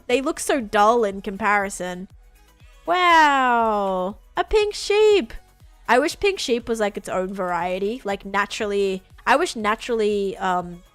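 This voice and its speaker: A young woman streaming a game live, chatting casually, answering her chat and getting excited over finds. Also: mid-range voice.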